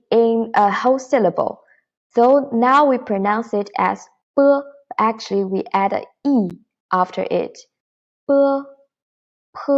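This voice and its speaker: Over a muffled recording, a woman with a slightly high voice teaches an online beginner Mandarin lesson. She patiently models syllables and repeats them so learners can copy her.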